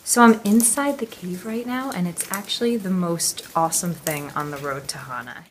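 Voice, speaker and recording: A woman's voice: normal speed, slight background noise. A woman vlogging from inside a lava cave, talking in a bubbly, chatty way, with the cave echo on her voice. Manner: bubbly and chatty, with wide swings in pitch. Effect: cave echo, voice bouncing off rock walls. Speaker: travel vlogger. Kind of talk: upbeat travel vlog narration.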